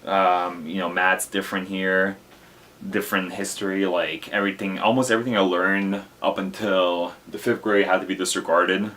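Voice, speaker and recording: A young man from Lithuania talks through a personal reflection in a very low voice. He is hesitant, with frequent fillers and restarts. A faint hum sits behind him. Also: little pitch movement, moderate pace, fairly bright tone. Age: young adult. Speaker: college student.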